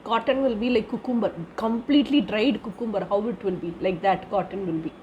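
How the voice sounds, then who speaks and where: A woman's voice: mid-range voice, brisk, highs cut off, slight background noise. A woman with an Indian accent and a congested, slightly wheezy voice from a cold and sore throat, giving a casual spiritual reading in an instructive, repetitive way. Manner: instructive, repeats phrases with tag 'na'. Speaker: charms card reader giving guidance.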